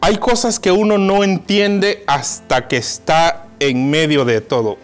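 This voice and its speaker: A man from Mexico, preaching a sermon. He keeps calling his listeners brother, asks them questions and swings between loud and hushed. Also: a little high, fairly even intonation, unhurried, clean tone, faint music behind.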